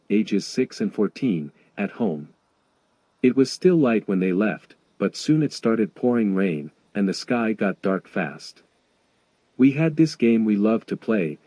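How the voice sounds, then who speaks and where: A man narrates a spooky first-person tale in a steady, measured way. His voice sits on the low side with a dark, mellow tone. The sound is close and dry, with no room around it. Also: no room sound, poor audio. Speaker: horror story narrator. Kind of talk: scripted narration of a first-person scary story.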